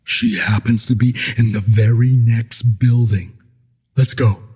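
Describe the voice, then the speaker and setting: Earnest, formal partner; very husky, mellow tone, drama. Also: male voice, medium pitch, fairly even intonation, unhurried.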